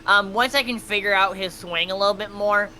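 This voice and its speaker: A woman's voice: mid-range voice, fairly even intonation, a little fast, sharp tone, slight background noise. A woman co-hosting a casual podcast, talking with enthusiasm and strong opinions. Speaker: podcast co-host.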